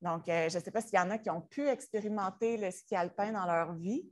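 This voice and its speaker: A woman's voice: medium pitch, brisk, darkish tone. A woman from Quebec with a Québécois accent, a school innovation director giving a conference presentation in a chatty, joking way. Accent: Québécois French. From Quebec, Canada. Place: presentation room.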